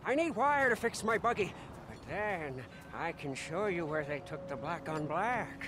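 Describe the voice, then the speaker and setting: An actor playing an odd, eager wasteland mechanic who talks in a fawning, drawn-out way; game audio with engine noise. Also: male voice, high-pitched, sing-song, full character voice.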